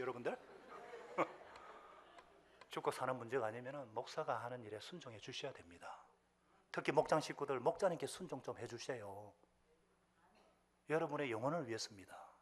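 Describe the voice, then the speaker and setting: A man preaching a sermon as pastor, who asks the congregation questions and swings between loud outbursts and hushed whispered asides. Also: medium pitch, husky.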